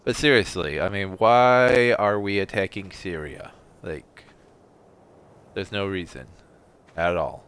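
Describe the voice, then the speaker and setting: A man's voice: low voice, slow, a bit bright, clean tone. A man giving casual, sarcastic commentary while playing a video game and talking to himself. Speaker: gaming streamer.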